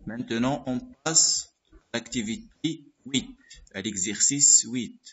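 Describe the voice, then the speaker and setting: Slow, patient Moroccan teacher, husky. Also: male voice, mid-range voice, a bit bright, lo-fi sound. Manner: slow, repeats each word and syllable, switches to Moroccan Arabic to explain. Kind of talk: French workbook lesson for children.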